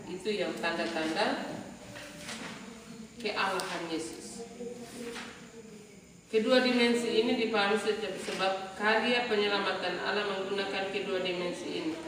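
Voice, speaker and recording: A woman teaching a religion class, explaining slowly and drawing out her words, with frequent "ya" asides. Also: medium pitch. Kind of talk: classroom lecture. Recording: echoey room from far off, noisy.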